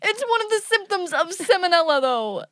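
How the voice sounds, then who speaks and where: A young woman co-hosting a podcast, speaking in a high voice with a lively, swooping pitch. She talks in a dramatic, mock-indignant way in casual chat. The recording is dry and close. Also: fairly quick, no room sound. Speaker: podcast co-host.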